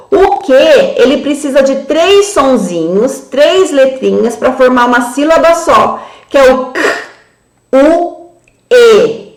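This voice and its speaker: A woman with a Brazilian Portuguese accent, training teachers in a tutorial and sounding out words slowly syllable by syllable. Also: sits high, roomy sound. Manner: slow, syllable-by-syllable demonstration for young children.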